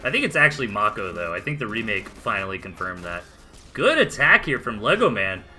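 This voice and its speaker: A man's voice: fairly low pitch, sing-song, brisk, sharp tone, faint music behind. A man with a Southern US accent casting a strategy game match live, chatty play-by-play with casual asides. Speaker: esports caster.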